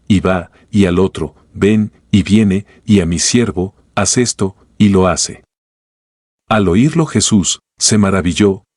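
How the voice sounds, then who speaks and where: Deep-voiced man reading devotional text. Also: a little mellow, dry recording, clean studio sound. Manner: measured reading, slowing on scripture references. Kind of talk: read-aloud devotional teaching.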